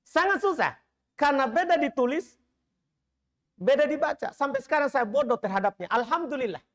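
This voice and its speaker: A male Islamic teacher giving a study lecture in a mosque. He talks in a lively, teasing way, often throwing rhetorical questions at the audience and then answering them himself. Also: very high voice, a little fast. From Indonesia.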